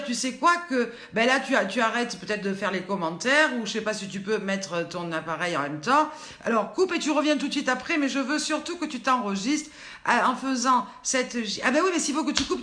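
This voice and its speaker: A woman's voice: a little high, pushed and bright, echoey room. An older woman hosting a live video show, chatting loosely and poking fun at herself while leading face exercises. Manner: chatty, rambling and self-mocking. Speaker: host of a daily live show. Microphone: phone camera.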